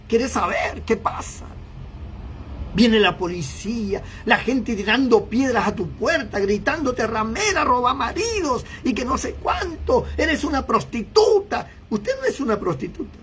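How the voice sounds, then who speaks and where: A man's voice: high-pitched, slight background noise. A man preaching a sermon as a pastor, with impassioned delivery, acting out the voices of a crowd.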